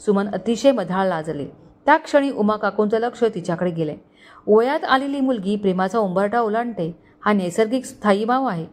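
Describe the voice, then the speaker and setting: A woman narrating a romantic story in an expressive, lyrical way. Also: medium pitch.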